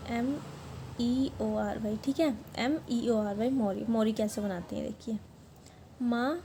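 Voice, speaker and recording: A woman's voice: on the high side, mellow, slight background noise. A woman teaching pronunciation rules in a patient lesson, often checking in with "okay". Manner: patient, repeats "ठीक है" often. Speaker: language teacher.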